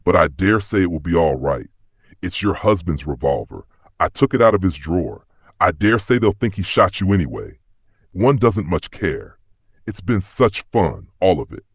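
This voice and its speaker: A man voicing a deranged young killer who gloats with an eerie calm, in a story reading. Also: low-pitched, normal speed, breathy edge, no echo, clean studio sound, full character voice. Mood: gloating.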